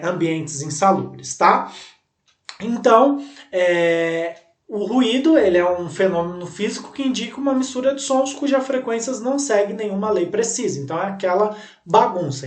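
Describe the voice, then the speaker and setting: A man's voice: high-pitched, a little mellow. A Brazilian man teaching a recorded video lesson, rambling and using many fillers and tag questions. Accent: Brazilian Portuguese. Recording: roomy sound, voice distant from the mic.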